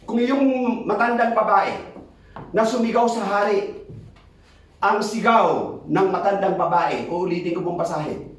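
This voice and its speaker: A man preaching a sermon, switching between Tagalog and English and reading scripture aloud, emphatic and swinging between quick urging and slow drawn-out phrases. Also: sits high. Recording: very echoey hall, mic far off.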